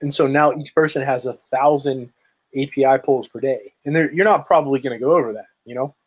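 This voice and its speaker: This man, a marketer guesting on a podcast, spins a meandering story in a casual video-call chat and keeps adding "right?" to his sentences. His pitch is medium, his delivery brisk, his voice slightly rough.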